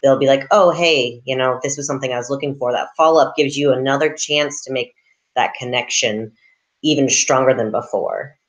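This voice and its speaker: A woman's voice: extremely low pitch, a little fast, poor audio. A woman in her thirties speaks as a business panelist on a video call. She is upbeat and emphatic, and she acts out short quoted exchanges as she goes. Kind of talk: panel discussion answers. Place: indoors in an office. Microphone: webcam on a video call.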